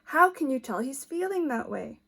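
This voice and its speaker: A woman teacher reads a picture book aloud to young children, expressive and emphatic, asking them questions directly. Her voice is high and gravelly, at a moderate pace.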